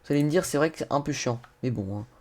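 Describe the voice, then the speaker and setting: Fast-talking, with a fairly high pitch and a somewhat dark tone, this man is a gaming YouTuber giving a laid-back game tutorial. He speaks directly to viewers, laughing and swearing at his mistakes.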